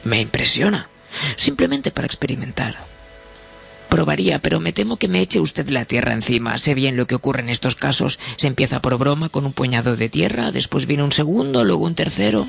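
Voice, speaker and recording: A stern, doubtful father from a storybook, read by a man. His speech is gravelly and husky, and it carries lively pitch swings. Faint music plays underneath. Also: a little fast, heavily acted. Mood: wary. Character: wary, incredulous father of a girl.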